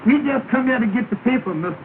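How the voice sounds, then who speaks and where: A man's voice: very high voice, expressive, fast. An actor playing Amos, a jittery, timid young man who talks in a nervous, folksy, ungrammatical way, in a 1930 film comedy. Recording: tinny, hissy 1930 film soundtrack.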